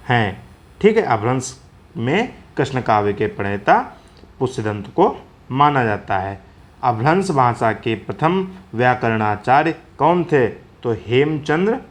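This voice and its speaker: A man teaching an exam-prep quiz lesson in a casual, chatty way, calling viewers friends and repeating each answer with quick check-ins. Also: medium pitch.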